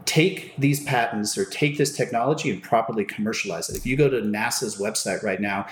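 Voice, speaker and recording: A man explaining his business in an interview, with halting, broken phrasing and frequent hesitations. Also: fairly low pitch. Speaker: entrepreneur and company founder being interviewed. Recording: roomy echo with faint background noise.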